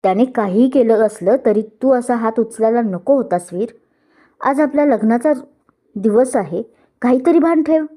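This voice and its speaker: A woman's voice: on the high side, animated, measured pace, mellow. A woman voicing a hurt young bride in a storybook reading, speaking in an emotional, pleading voice.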